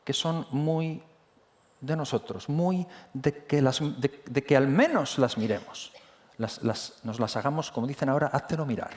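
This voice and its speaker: A man's voice: medium pitch, unhurried, a little mellow. A man preaching a sermon in a church, talking conversationally and often restarting his phrases. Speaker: pastor. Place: church hall.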